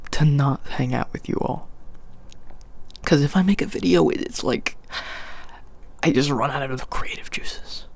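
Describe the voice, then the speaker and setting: A man's voice: on the high side, creaky, a little mellow. A man making ASMR, talking earnestly and rambling in a half-whispered chat aimed straight at the listener. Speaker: ASMR creator.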